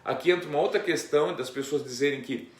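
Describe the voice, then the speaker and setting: Pastor teaching scripture, chatty explainer, recorded from a distance in an echoey room. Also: male voice, a little high, fast talker. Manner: explanatory, many tag questions. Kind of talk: Bible study teaching.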